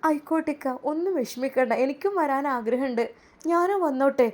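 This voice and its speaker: A caring young wife, voiced by a woman, high and bright, soothing her husband in a warm, reassuring manner. A Malappuram Malayalam lilt colours her storybook lines. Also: lively intonation, brisk. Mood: eager. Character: kind devoted young wife.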